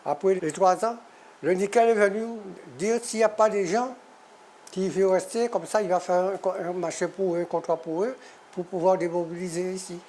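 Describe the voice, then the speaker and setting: High-voiced older man telling anecdotes. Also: moderate pace, darkish tone. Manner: re-enacts dialogue as he tells it. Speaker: interviewee, former nickel worker. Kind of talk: storytelling testimony. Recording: clearly noisy location sound.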